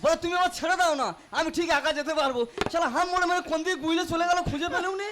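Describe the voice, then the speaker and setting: A man's voice: very high voice, steady tone. A man playing a crude, cursing young son-in-law. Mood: bossy. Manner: fast crude banter, cursing. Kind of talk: folk stage comedy acting. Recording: live stage mic with clear noise.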